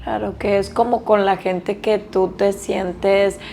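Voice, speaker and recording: A woman's voice: mid-range voice, flat delivery, takes it slowly, creaky, darkish tone, a little hiss or hum. Empathetic woman podcast host. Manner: empathetic, conversational. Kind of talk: casual podcast interview.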